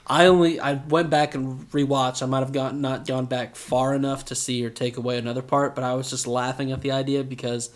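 A man co-hosting a podcast, chatting casually through an episode recap with animated, joking asides. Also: medium pitch, a little fast, few pauses. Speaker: podcast co-host.

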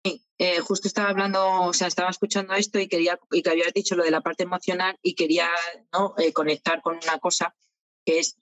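A woman's voice: lowish voice, little pitch movement, fast, no room sound. A woman in a casual conversation, speaking thoughtfully and building on what the others say. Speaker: guest speaker.

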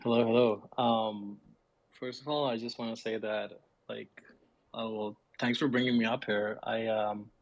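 A man's voice: lowish voice, level tone, measured pace. Modest man. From Pakistan. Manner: modest, slightly hesitant. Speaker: guest, software engineer. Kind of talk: casual interview talk.

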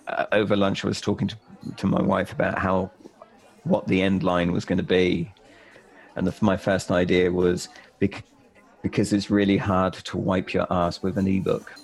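A man's voice: sits low, creaky, slightly rough, low-quality recording. A man, a self-published author, chatting casually on a podcast, rambling with many restarts and repeated words.

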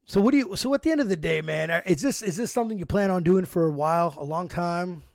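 Fast-talking high-voiced man. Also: gravelly, no echo, clean studio sound. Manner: fast, profane, animated storyteller. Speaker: podcast host. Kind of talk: casual chat.

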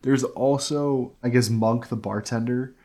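A man co-hosting a gaming podcast, chatting casually and excitedly, rambling with lots of filler words. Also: mid-range voice, unhurried. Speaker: podcast co-host. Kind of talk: casual game review chat.

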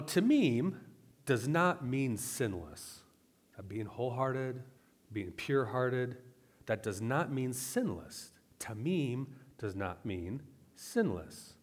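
A man giving a sermon-style Bible teaching, speaking conversationally with asides, slowing to stress key words. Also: mid-range voice. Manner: conversational, with asides and filler "right?". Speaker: teacher of a weekly Torah portion.

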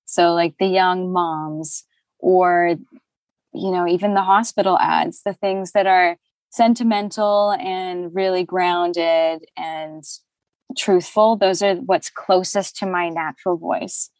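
A young woman, a voice actor, talking casually in an interview, chatty and animated with lots of fillers and laughter. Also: fairly low pitch, takes it slowly, dry recording.

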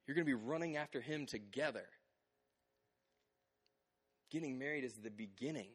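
A man in his thirties preaching a sermon, telling stories with animated delivery and acting out bits of dialogue. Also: mid-range voice, normal speed, slightly rough. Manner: animated storytelling, acts out quoted dialogue. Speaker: pastor. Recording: long hall reverb.

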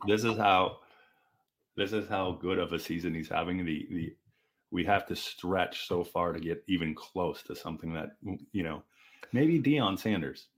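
A man co-hosting a podcast, chatting casually about sports with lively restarts. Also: low voice. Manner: animated, fast back-and-forth with restarts. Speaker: podcast co-host.

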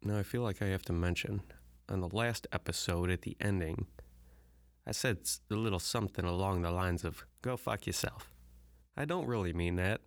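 A man's voice: sits low, brisk, dry recording, clean studio sound. A man hosting a solo podcast, rambling and joking with lots of swearing. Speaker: podcast host. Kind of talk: casual solo podcast monologue.

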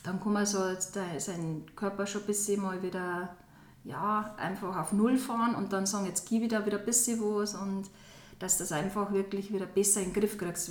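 Woman on a podcast, chatty, lots of hesitating, roomy echo. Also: mid-range voice. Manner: hesitant, often agreeing and searching for words. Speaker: podcast co-host. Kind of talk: casual chat.

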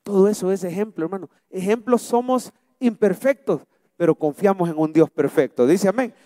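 A man preaching a sermon in a church, emphatic, swinging between loud peaks and soft drops. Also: high voice, normal speed, no echo, studio quality, in a large hall. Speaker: pastor. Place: church hall.

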